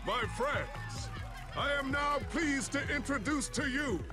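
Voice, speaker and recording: A proud ceremonial figure in a video game, with a very high voice and slow, stately speech. He makes a formal announcement to a gathering. Loud game music plays behind.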